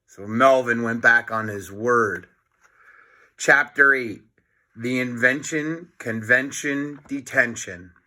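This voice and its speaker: A storybook reader with an expressive, bright voice of middle pitch narrates a children's book at an unhurried, deliberate pace. As he reads, he drops in plain asides that explain things.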